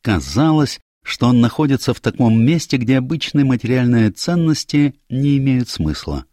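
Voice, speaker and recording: A man's voice: mid-range voice, very animated, normal speed, dark tone, no echo, studio quality, pitched above the performer's own voice, close to an everyday voice. A man voicing a commanding, self-assured older detective in a read-aloud story, precise in manner. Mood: explaining. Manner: authoritative, precise.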